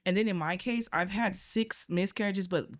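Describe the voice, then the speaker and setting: A woman's voice: medium pitch, normal speed, no echo, studio quality. A woman speaking bluntly and earnestly in a casual podcast conversation.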